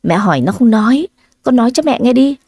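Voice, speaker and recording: A woman voicing a worried older mother-in-law in a spoken story, talking anxiously in a high, warm voice. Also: expressive, fast, slightly rough, no echo, clean studio sound. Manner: anxious, pleading then scolding.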